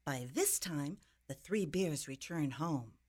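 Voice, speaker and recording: A woman reading a children's fairy tale aloud in an expressive bedtime storybook style. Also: low-pitched, slow pace. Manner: expressive, sing-song storytelling.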